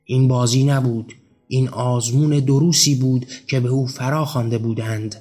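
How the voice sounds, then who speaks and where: A man reading a story aloud in a measured, grave narration style. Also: mid-range voice, a little mellow. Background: faint background music.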